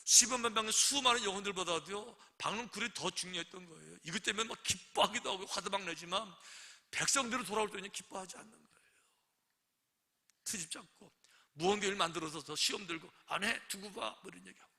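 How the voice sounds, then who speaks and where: A man with a high, sharp voice preaches quickly as pastor, recounting stories and performing the voices of the people in them. The sermon echoes through a reverberant church hall.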